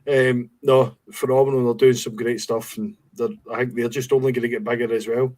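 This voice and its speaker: A man's voice: mid-range voice, fairly quick, low-quality recording. A Scottish man hosting a music podcast, talking casually with plenty of fillers and restarts. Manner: relaxed, hesitant, lots of fillers. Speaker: podcast host. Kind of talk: casual chat.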